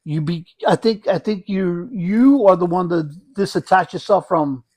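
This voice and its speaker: In a conversational interview, a hospice nurse with a high-pitched, somewhat mellow voice reflects in halting fashion, frequently repeating and rewording his phrases. There is no echo.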